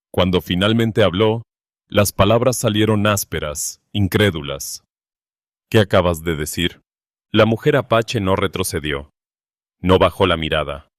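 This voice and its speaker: A man giving a scripted, steady and dramatic narration of a western story. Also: lowish voice, measured pace, no echo, clean studio sound.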